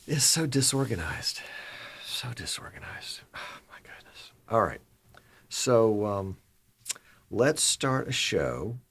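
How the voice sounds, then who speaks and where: A middle-aged man hosting a live stream in casual chat, rambling and muttering to himself as he works his software in a small broadcast studio. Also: low-pitched, breathy edge. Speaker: live-stream show host.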